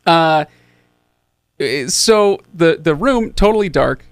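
A man's voice: a little high, animated, slow, no room sound. A man in his thirties hosting a podcast, telling a rambling story in a casual, chatty way, with lots of fillers and restarts. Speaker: podcast host.

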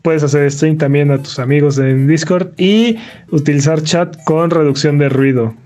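A man, co-hosting a casual gaming podcast and reading out news items in a relaxed way. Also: fairly high pitch, normal speed, soft background music. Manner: relaxed, says dude a lot.

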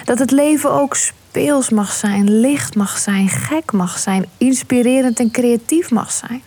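A woman guiding a visualization meditation, speaking softly and soothingly and often slipping into a whisper. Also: fairly high pitch, slow, husky. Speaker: meditation guide.

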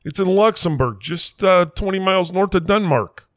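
Guy doing a rambling quack doc, folksy and sure of himself, fairly high voice. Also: expressive, moderate pace, fairly bright tone, dry recording. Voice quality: folksy, rambling, self-assured. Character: folksy small-town Wisconsin "doctor", middle-aged man. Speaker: comic character in a mock interview.

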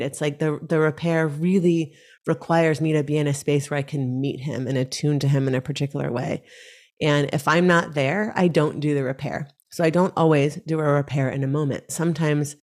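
A woman breathwork teacher speaking as a podcast guest, talking in a measured, reflective way. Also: deep voice, a little mellow. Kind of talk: podcast interview.

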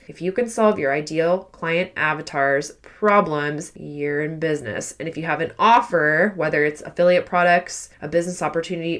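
A woman hosting a solo business podcast, her voice hoarse with a frog in the throat, coaching in an upbeat tone. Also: fairly low pitch, fairly bright tone. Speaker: podcast host.

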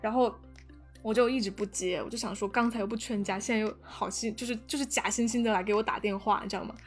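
Fast, animated young woman telling a story. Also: medium pitch, faint music behind. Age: young adult. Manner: animated storytelling with many fillers and restarts. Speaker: podcast guest storyteller. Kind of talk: casual chat.

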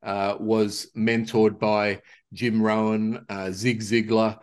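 A man's voice: fairly low pitch, little pitch movement, slow, clean tone. A man hosting a podcast interview, talking in a rambling, hesitant way with many restarts. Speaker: podcast host. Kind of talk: casual interview chat.

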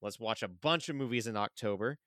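A man's voice: on the low side, fairly quick, a bit bright, no room sound, studio quality. A man co-hosting a movie podcast in casual chat, candid and rambling, laughing easily. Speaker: podcast co-host.

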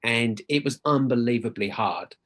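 A middle-aged man from Essex, England, appears as a podcast guest and church worker, sharing personal stories in conversation. His voice is medium-pitched and a bit bright, moving at a moderate pace. He speaks earnestly and with emphasis, often checking in with "right?".

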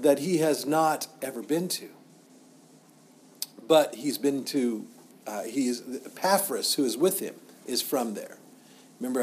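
A middle-aged man teaching as a pastor in an informal, halting, conversational way, often repeating himself. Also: medium pitch, a little mellow, a little hiss or hum.

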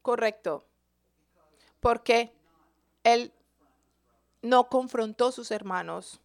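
A woman teaching from the Bible in a sermon, asking her listeners questions and stretching key words out slowly for emphasis. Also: a little high, creaky.

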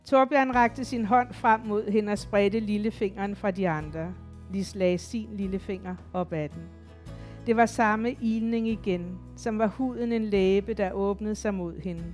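A woman narrating a literary audiobook in an even, measured storytelling voice. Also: medium pitch, soft background music.

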